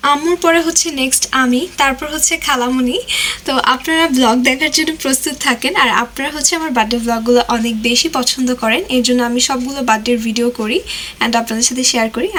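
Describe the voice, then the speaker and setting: A woman's voice: a little high, a bit bright, slight background noise. A young woman from Bangladesh narrating her family vlog in a chatty way, slipping English phrases into her talk. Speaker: vlogger.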